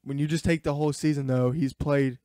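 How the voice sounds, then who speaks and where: Man, podcast co-host, opinionated sports talk, smooth resonant voice, dry close sound. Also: a little high, steady tone, fairly quick, dark tone, no room sound. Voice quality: voice cracks at times. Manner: emphatic, opinionated. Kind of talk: casual sports chat.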